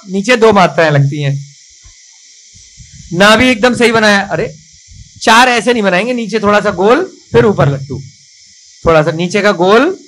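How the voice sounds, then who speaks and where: A man teaching children to write a script in a classroom, coaxing and praising them and spelling out each stroke slowly. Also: high voice, fairly bright tone, poor audio.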